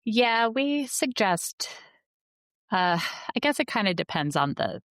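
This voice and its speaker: A woman's voice: on the high side, sing-song, slow, fairly bright tone, no echo, clean studio sound. A woman school librarian talking earnestly in a casual conversation, with many fillers and restarts. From United States.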